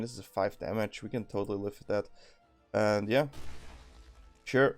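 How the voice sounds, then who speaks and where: In a lowish, darkish voice, a young Swiss-accented man narrates his card game casually, working things out aloud. His talk is filled with ums, restarts and self-corrections.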